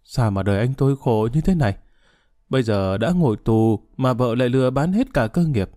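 A man voicing a drunk, emotional young man who slurs and shouts. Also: mid-range voice, expressive, fairly quick, dry recording, studio quality, natural voice. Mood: tearful begging. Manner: slurred, shouting, tearful.

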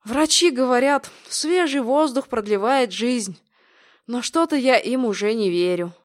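A woman narrator puts on an old grandfather, frail yet cheerful, who brushes off his fall with dry humour. The audiobook voice stays fairly high, with a slower, gentler delivery. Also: lightly acted. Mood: wry. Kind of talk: audiobook character voicing.

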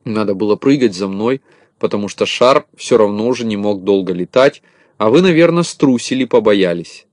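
A man voicing a clever, calm little shorty leader who sounds puzzled and dryly mocking in a storybook reading. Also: fairly low pitch, normal speed, dry recording, clean studio sound, close to an everyday voice.

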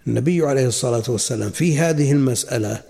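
Older man, sheikh, classical religious lesson, gravelly, dark mellow tone, measured, repeats phrases. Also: mid-range voice. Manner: measured, repeats phrases for emphasis, asks rhetorical questions. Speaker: sheikh teaching a book.

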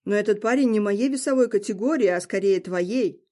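A woman's voice: mid-range voice, a little fast, dark tone, natural voice. A woman reading the part of a wounded, stubborn young man who talks in a strained, commanding way.

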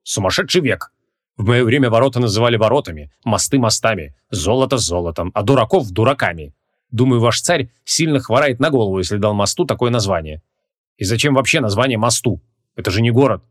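An arrogant ancient male mage, voiced by a male reader speaks a little lower than the narration, in a dry, dismissive drawl. He sounds condescending and sure of himself, a grumpy wizard in a comic fantasy audiobook. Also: expressive, brisk.

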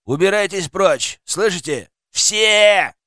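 A man's voice: on the high side, unhurried, fairly bright tone, no echo, clean studio sound. Man playing a snarling, barricaded recluse. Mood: yelling. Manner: snarling, barking orders. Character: hostile gray-haired male app developer, barricaded and paranoid.

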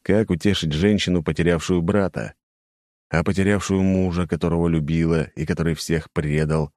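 A man narrating a first-person audiobook in a somber, measured way. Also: low-pitched, fairly even intonation, a little mellow, no room sound, studio quality.

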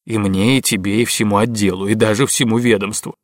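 A man's voice: mid-range voice, normal speed, a bit bright, no room sound, studio quality, close to an everyday voice. A man voicing a stern male intelligence major who speaks in curt, clipped phrases.

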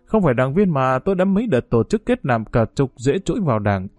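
A man reads a novel aloud in a steady, unhurried way. His voice is dark and mellow. The recording is dry and close, with soft guitar music playing behind him. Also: mid-range voice, no room sound. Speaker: audiobook narrator. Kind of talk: scripted narration of a novel.

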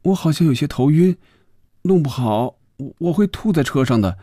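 Man putting on a sharp-tongued young woman. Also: animated, no echo, clean studio sound. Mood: complaining. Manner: quick, tart, rises high when indignant. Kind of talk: storytelling radio audiobook.

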